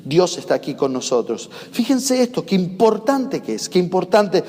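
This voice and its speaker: A pastor with a Rioplatense Spanish accent preaches a sermon at a church in the United States, his high-pitched, warm voice very animated at normal speed. He is emphatic and calls on the congregation to repeat his words after him. The church hall adds a long reverb.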